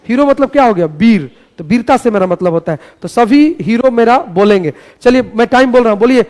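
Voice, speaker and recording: High-voiced man teaching a class. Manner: loud, playful, rallies the class with call-and-response. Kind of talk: energetic classroom lecture.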